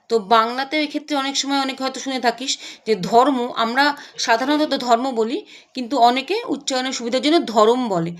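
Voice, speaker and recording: A woman with a high voice teaches a grammar lesson. She breaks each point into small steps and keeps asking her students whether they follow. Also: a bit bright. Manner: explains step by step, checks understanding often.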